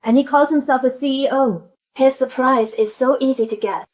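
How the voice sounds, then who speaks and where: A woman's voice: high voice, fairly even intonation, normal speed. A woman playing a jealous, scheming young rival in a dubbed drama who speaks with possessive scorn. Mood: scornful.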